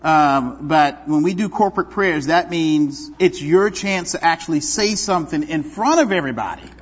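A man's voice: on the high side, moderate pace, husky. A man preaching a sermon as pastor, talking in a conversational, self-deprecating way with playful asides to the congregation. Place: church sanctuary. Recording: dull, long-reverb hall recording.

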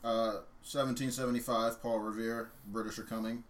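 A man's voice: medium pitch, level tone, normal speed. A man co-hosting a casual talk show, laid-back as he reads out historical dates.

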